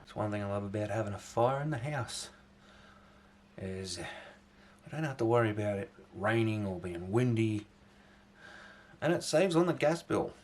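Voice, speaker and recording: Low-voiced man chatting casually to camera. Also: animated, normal speed, slight background noise. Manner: chatty, rambling, swears casually. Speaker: vlogger. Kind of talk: casual vlog chat to camera.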